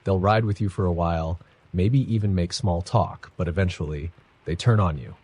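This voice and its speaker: Man playing a menacing middle-aged trucker in a horror audiobook, husky low drawl. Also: moderate pace, darkish tone. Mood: ominous.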